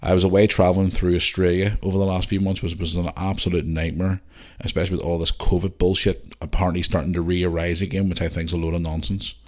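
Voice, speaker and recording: Going through listener questions on his podcast, this host speaks with a Northern Irish accent in a casual, informal chat. He has a deep voice with a level tone and moves along quickly.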